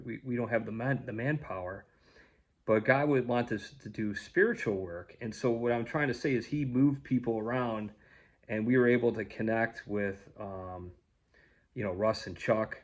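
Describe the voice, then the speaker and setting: A man with a fairly low voice recounts a faith testimony in casual, loose speech. He circles back often and restarts his sentences, filling the gaps with ums and likes. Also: dull audio. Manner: rambling, with many fillers and restarts. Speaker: storyteller sharing a faith testimony.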